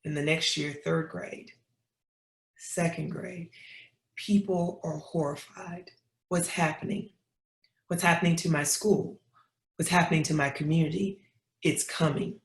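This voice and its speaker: A woman from Knoxville, Tennessee, appears as a guest speaker, telling stories in a preacherly style full of repetition and emphasis. Her voice sits low and steady, a little slow, with long pauses. The room echoes noticeably.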